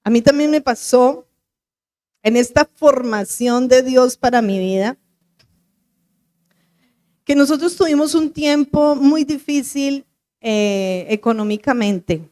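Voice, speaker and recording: A woman pastor preaches, her voice sitting a little high. She tells her own testimony in earnest, slowing down and drawing out the words she wants to land. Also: a little mellow. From Bogotá, Colombia. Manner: earnest storytelling with slow, stretched emphasis on key words. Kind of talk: sermon with personal testimony.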